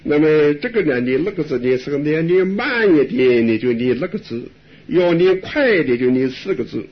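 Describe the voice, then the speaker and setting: Chuckling old monk, lively pitch. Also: male voice. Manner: gentle, chuckling, unhurried teaching. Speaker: elderly monk answering questions. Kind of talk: dharma talk with live interpretation. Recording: dull lo-fi recording with faint hiss.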